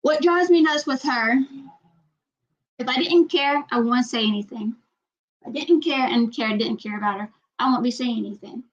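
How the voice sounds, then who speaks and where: A woman's voice: fairly high pitch, normal speed. A woman hosting a casual livestream chat, rambling and repeating herself as she reads out viewer comments. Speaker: channel host. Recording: dull lo-fi sound.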